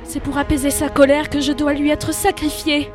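A woman's voice: sits high, fairly even intonation, moderate pace, loud music behind the voice, lightly acted. A woman narrator voicing a frightened young princess, sighing and crying out in terror in a storybook reading. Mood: terrified.

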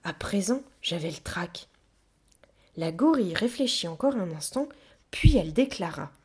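A woman narrating a children's storybook aloud in an expressive, animated way. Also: lowish voice, normal speed, husky. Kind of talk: storybook reading.

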